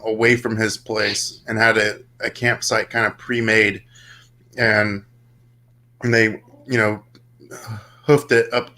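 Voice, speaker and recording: A man's voice: lowish voice, bright, forceful tone. A young man casually telling a long story on a podcast, rambling with many fillers and restarts. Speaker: podcast co-host.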